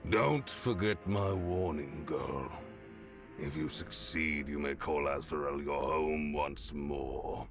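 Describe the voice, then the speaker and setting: An actor playing a stern, menacing ruler in a video game, with a low gravelly growl and a commanding, formal manner. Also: male voice, slow pace, exaggerated voice. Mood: threatening. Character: stern, menacing male sovereign giving orders. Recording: game music behind the voice.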